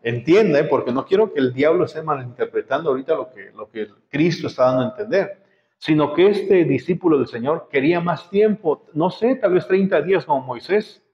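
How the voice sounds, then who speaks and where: A man's voice: fairly high pitch, expressive, a little fast. Man preaching in an echoey hall. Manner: preaches with frequent rhetorical questions to the congregation. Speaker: pastor. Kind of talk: sermon. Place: church hall. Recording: dull lo-fi, echoey church hall.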